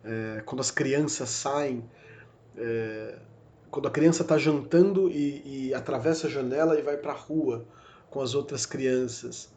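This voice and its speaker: A man's voice: mid-range voice, measured pace, darkish tone. Reflective Brazilian man giving a lecture. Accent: Brazilian Portuguese. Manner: reflective, frequent fillers and self-corrections. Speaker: literature lecturer. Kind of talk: recorded university lecture podcast.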